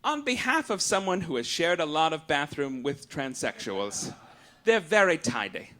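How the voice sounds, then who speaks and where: Very animated at normal speed, this fairly high, pushed and bright male voice belongs to a comedian hosting a live show. Standing on a cabaret stage, he reads mock-official announcements as a satirical stand-up monologue, playing them campy, arch and theatrical for the audience.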